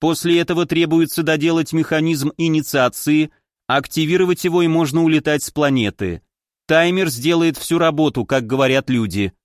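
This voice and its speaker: A man voicing a cold, logical male robot in an audiobook, speaking in a measured, emotionless way. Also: fairly high pitch, dry recording, studio quality, natural voice. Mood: cold, flat.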